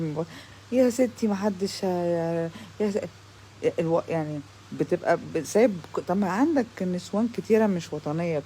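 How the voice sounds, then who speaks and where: A woman's voice: lowish voice, dark tone, a little hiss or hum. A young woman with an Egyptian Arabic accent delivering a sarcastic, heated rant to the camera, slipping into English phrases now and then. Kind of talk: ranting monologue to camera.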